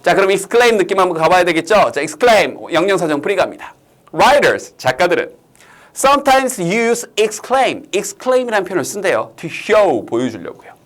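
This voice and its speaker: A man teaching an English reading lesson online. He reads the English lines slowly, then explains them in a lively way, sometimes acting out a child's words. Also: high-pitched. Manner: animated, acts out lines in a childlike voice.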